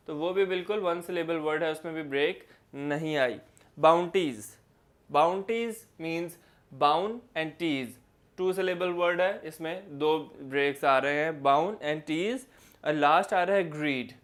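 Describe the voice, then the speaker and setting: A man's voice: on the high side, fairly bright tone. A young adult man, teaching a classroom lecture and explaining step by step, repeating key words.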